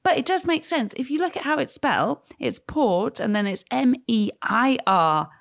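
A woman's voice: fairly high pitch, expressive, normal speed, vocal fry. Young woman from North Wales, casual travel vlogger, playful teasing delivery. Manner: teasing, chatty. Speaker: travel vlog co-host. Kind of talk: casual chat.

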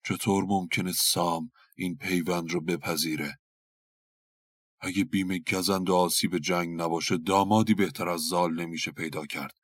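A man's voice: low-pitched, fairly even intonation, dry recording, studio quality. A man voicing a furious, proud old king and father, roaring harshly. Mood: stern.

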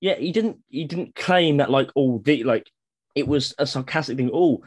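A man's voice: medium pitch, moderate pace, no room sound. A man, a reenactor guest on a podcast, talking enthusiastically in a rambling way with many fillers. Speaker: guest, living history reenactor. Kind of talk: casual podcast chat.

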